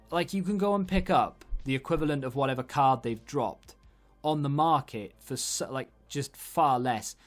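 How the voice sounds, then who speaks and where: A man giving casual, rambling video game commentary, thinking aloud in a conversational way as he hosts. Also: medium pitch. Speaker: gaming video host. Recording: background music. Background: music under the voice.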